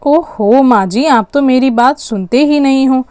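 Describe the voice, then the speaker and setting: Fussy worried mom voiced by a woman, complaining, high pitched, dry close audio. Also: unhurried, a little mellow, no room sound. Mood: fretful. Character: harried young mother, fussy and worried. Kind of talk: storytelling with dolls.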